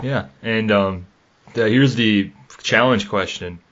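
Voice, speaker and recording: A young Yooper-accented podcast host from Michigan's Upper Peninsula rambles through casual chat, quizzing his co-host and laughing easily. He speaks slowly in a voice on the low side but fairly bright, captured on dull lo-fi audio.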